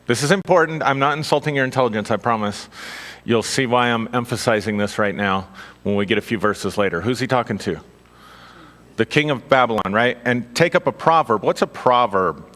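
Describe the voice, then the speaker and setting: A man's voice: medium pitch, fairly quick, fairly bright tone. A man giving an informal sermon as a Bible teacher, talking conversationally, asking his listeners questions and adding dry asides. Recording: long reverb of a large hall.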